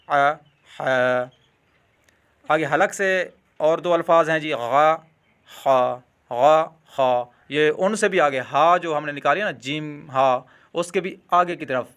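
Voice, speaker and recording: A man with a Pakistani Urdu accent teaching pronunciation, patiently repeating each sound slowly and drawn out. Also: a little high. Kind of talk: instructional demonstration.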